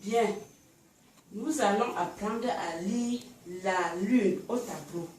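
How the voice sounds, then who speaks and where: A woman teaching a reading lesson to young children, sounding out letters and syllables slowly and repeating them for the class to echo. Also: mid-range voice, darkish tone, slight background noise. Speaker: schoolteacher. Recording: very echoey room, voice from a distance.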